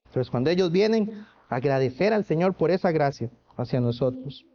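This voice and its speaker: A man's voice: a little high, animated, normal speed, dark tone, highs cut off. A man with a Costa Rican accent preaching a sermon in church, earnest, with restarts and rhetorical questions. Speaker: pastor.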